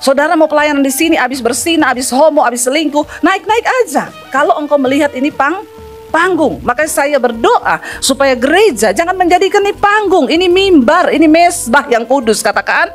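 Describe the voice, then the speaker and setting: A middle-aged woman pastor delivers a sermon in a high voice, emphatic and scolding as she speaks straight to her congregation. Faint music plays behind her. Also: lively intonation, brisk. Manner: emphatic, scolding preacher addressing the congregation directly.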